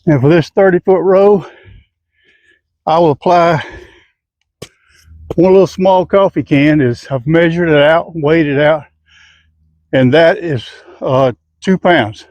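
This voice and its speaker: A man's voice: a little high, unhurried, long pauses, a little mellow, dry recording, muffled recording. Folksy older man, dry sound. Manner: folksy, plain-spoken, explains step by step. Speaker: home gardener. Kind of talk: casual how-to garden vlog. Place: outdoors in a home garden.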